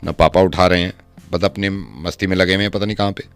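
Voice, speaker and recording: A man putting on a low, pleading neighbor. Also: flat delivery, fast, clean tone, no room sound, soft background music. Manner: pleading, insistent, repetitive. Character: man posing as a desperate neighbor boy. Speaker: radio prank caller. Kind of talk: prank phone call.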